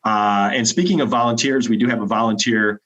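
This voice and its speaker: Hosting a virtual club meeting, this man sounds upbeat and welcoming, and he uses fillers often. His voice is fairly low and a bit bright, with fairly even intonation and a slightly quick pace. The dull, lo-fi audio comes through a video call microphone.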